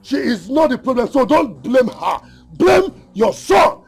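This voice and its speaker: Furious high-pitched Nigerian husband. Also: male voice, very animated, measured pace, vocal fry, husky, soft background music, full character voice. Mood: angry, indignant. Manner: confrontational, repeats demands. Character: furious jealous village husband confronting his brother. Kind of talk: Nigerian film drama acting.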